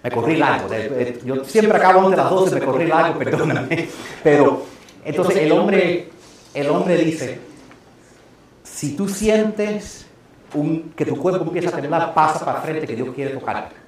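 A man preaching as pastor, telling a personal story in an animated way and laughing often. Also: a little high, measured pace, very echoey, slight background noise. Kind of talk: sermon testimony. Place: church sanctuary.

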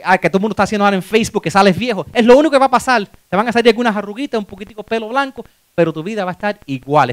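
Animated high-voiced male preacher in his 50s. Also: dry recording. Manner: animated, mixes in English words, acts out voices. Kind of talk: motivational sermon.

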